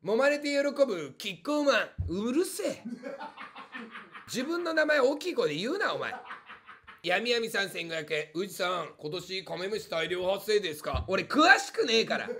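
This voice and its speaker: A man's voice: high voice, a bit bright, slight background noise. A man on a live stream reading viewer comments aloud and firing back blunt, mock-angry retorts, often laughing. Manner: blunt slangy tough-guy talk.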